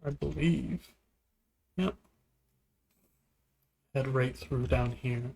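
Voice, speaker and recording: A man giving relaxed, musing commentary while playing a video game, now and then talking to things on screen. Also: medium pitch, very slow, gravelly, slight background noise. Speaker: gameplay video host. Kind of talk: casual gameplay commentary.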